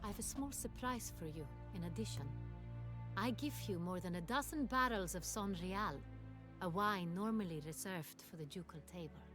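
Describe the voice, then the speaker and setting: An actress voicing a self-assured, gracious duchess in a video game, with stately, poised, formal delivery. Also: female voice, medium pitch, moderate pace, over music, close to an everyday voice.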